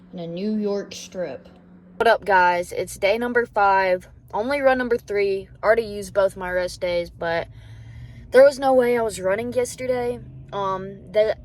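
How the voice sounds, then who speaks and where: A young adult woman chatting casually and informally as a fitness vlogger, rambling a little. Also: medium pitch. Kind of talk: casual vlog chat.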